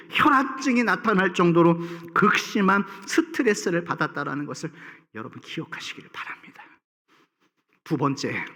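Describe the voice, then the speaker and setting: Impassioned high-voiced pastor preaching. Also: male voice, pushed and bright, in a large hall. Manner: impassioned, emphatic preaching with rhetorical questions. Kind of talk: sermon. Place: church sanctuary.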